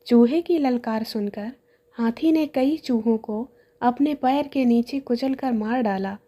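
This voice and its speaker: A woman narrating a string of jokes in a steady storytelling way. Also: on the high side. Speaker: joke narrator. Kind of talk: reading jokes aloud.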